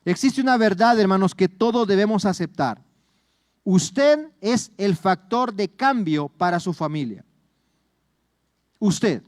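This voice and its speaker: Salvadoran man, middle-aged pastor, earnest sermon delivery, high-pitched voice, dry close sound. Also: expressive, slow, long pauses, dry recording. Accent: Salvadoran Spanish. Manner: earnest, repeats words and addresses listeners as brothers.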